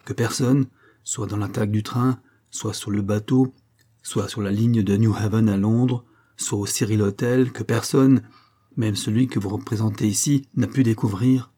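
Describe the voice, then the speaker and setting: A heroic French officer, gasping but proudly unbroken, who answers his torturers with dignity, as a male narrator reads him in a story. The voice is low and husky. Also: steady tone, moderate pace, dark tone, natural voice. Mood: defiant. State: out of breath. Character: heroic French male army captain, defiant under torture.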